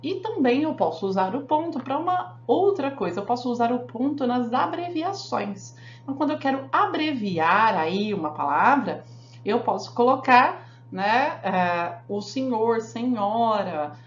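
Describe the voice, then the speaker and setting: Woman teacher doing a grammar lesson, keeps asking if everyone got it, lots of room echo. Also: a little high. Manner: explanatory, asks the class frequent check questions. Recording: echoey room, dull sound, faint hum.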